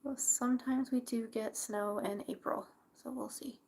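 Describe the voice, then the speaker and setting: A young woman chatting casually in a hushed, breathy library whisper while live crafting. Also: a little high, fairly even intonation, measured pace, rough recording. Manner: hushed library whisper, keeping quiet for sleepers. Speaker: craft livestreamer. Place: at home late at night, crafting. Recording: faint background noise.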